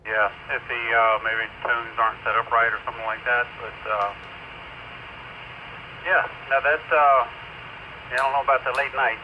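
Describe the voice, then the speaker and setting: A man chatting casually as a radio operator over a two-way radio, speaking in a halting, hesitant way. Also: medium pitch, fairly even intonation. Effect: heard over two-way radio. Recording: muffled two-way radio with noise.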